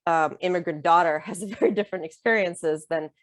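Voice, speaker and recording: A middle-aged author whose first language is Russian chats as a guest in a conversational interview, full of fillers and restarts and laughing easily. Her voice is on the low side and fairly quick, with no echo.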